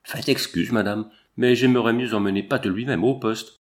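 A man's voice: medium pitch, fairly even intonation, moderate pace, natural voice. A man playing a blunt, exasperated middle-aged police sergeant while reading a story aloud. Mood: gruff.

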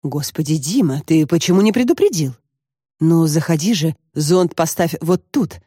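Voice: medium pitch, expressive, normal speed, mellow, dry recording, clean studio sound, close to an everyday voice. An audiobook narrator voicing an anxious, fussing grandmother in her older years. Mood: fretful. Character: flustered grandmother, older woman.

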